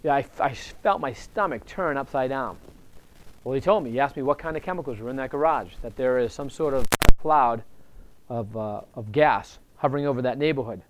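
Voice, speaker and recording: A man, a real estate investor, telling stories and giving advice in a casual, animated way, acting out the dialogue. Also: mid-range voice, brisk, a little hiss or hum. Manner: animated, acts out quoted dialogue. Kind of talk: casual storytelling advice talk.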